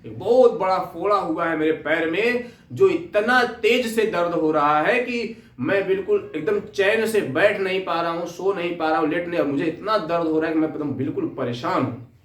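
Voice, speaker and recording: A pained guru voiced by a man telling a moral story complains to his young disciple. The voice is fairly high and halting. It sounds distant in an echoey room. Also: fairly bright tone. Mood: pained, weary.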